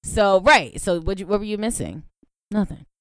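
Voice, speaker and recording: A woman's voice: medium pitch, lively intonation, moderate pace, crowd noise. A woman co-hosting a podcast in casual chat, talking bluntly with sarcasm and plenty of swearing. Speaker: podcast co-host.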